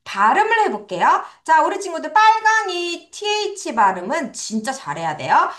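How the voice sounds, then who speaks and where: A woman's voice: extremely high pitch, big pitch swings, moderate pace, a bit bright. A woman teaching English vocabulary to children, drilling pronunciation with playful sound words. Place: academy classroom or studio. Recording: echoey room.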